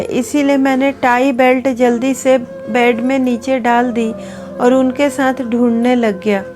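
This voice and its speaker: A tearful teenage schoolboy pleads and apologizes, as a woman reading the story puts him on. The voice sits high, and faint music plays behind the storybook reading. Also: a little mellow. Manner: pleading, sobbing delivery.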